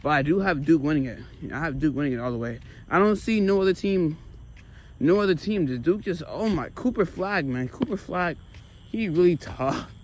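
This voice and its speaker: American man, somewhat high pitch, casual sports chat, animated, repetitive emphasis, talking while walking, noticeable vehicle noise. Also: moderate pace. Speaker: sports vlogger. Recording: clear street noise with passing vehicles.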